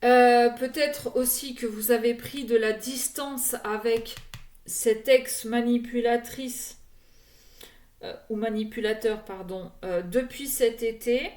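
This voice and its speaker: A woman's voice: on the high side, steady tone, slow pace, darkish tone, reverberant. A woman giving an oracle card reading to her viewers in a casual, hesitant way, full of fillers and restarts.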